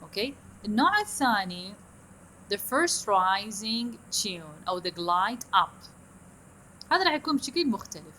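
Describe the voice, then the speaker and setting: Bright-voiced woman teaching English. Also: mid-range voice, sing-song, slight background noise, low-quality recording. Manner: switches between Arabic and English, reads English lines slowly and deliberately. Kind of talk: recorded lecture on intonation.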